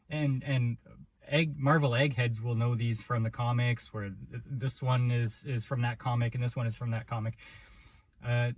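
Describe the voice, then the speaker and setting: A man's voice: mid-range voice, a little mellow. A man co-hosting a casual movie review chat, telling the story in a loose, rambling way. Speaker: podcast co-host.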